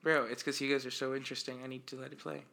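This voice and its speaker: A young man hosting a podcast in casual, slangy, halting chat. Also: medium pitch, flat delivery, creaky, pushed and bright. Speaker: podcast host.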